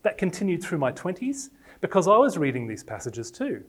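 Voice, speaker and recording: A man in his forties from Australia, whose accent blends Australian and English traces, gives a personal sermon to a congregation full of animated, self-deprecating stories. He speaks fairly quickly at a fairly high pitch.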